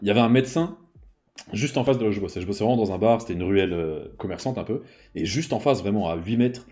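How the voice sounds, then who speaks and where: A man's voice: fairly low pitch, fast talker. A man in his thirties telling a personal story in a casual, slangy way, often adding "you see". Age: 30s. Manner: lively, slangy, peppered with "tu vois".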